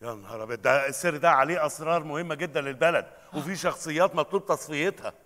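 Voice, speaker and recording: Bright, quick Egyptian stage comedian. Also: male voice, a little high, steady tone. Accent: Egyptian Arabic. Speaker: comic stage actor. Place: large theater stage. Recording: live theater stage, long hall reverb.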